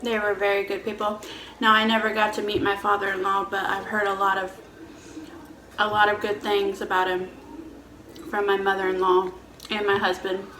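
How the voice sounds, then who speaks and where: Hosting a couple's question-and-answer mukbang, this woman talks casually in a medium-pitched monotone at a moderate pace, repeating phrases as she explains. Faint background noise and a roomy echo come through in the recording.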